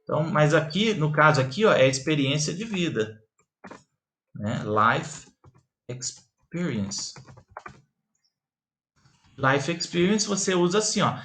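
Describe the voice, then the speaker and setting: A man's voice: a little high, animated, slow pace, long pauses, fairly bright tone, echoey room. A Brazilian man with a Brazilian Portuguese accent, teaching an English grammar lesson in an emphatic, repetitive way that keeps checking in with the viewer.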